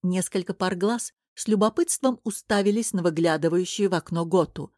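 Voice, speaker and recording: A woman narrating a fantasy novel as an audiobook, steady and even-paced. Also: fairly low pitch, normal speed, dry recording, clean studio sound.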